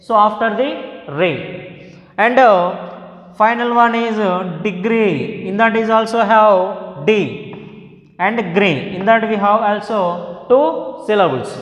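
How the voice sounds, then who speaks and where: A male teacher with a Telugu accent, giving a slow classroom lesson in English and Telugu, repeating each word aloud. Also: sits high, fairly bright tone, dull audio. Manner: slow, drawn-out, repeating words to model stress. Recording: echoey hall with long reverb.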